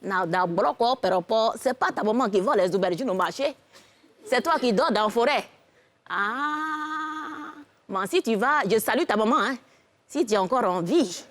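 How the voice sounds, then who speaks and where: A woman's voice: fairly high pitch, lively intonation, moderate pace, lightly acted. A woman voicing a blunt, scolding ninety-two-year-old village woman. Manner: blunt, mocking, warning.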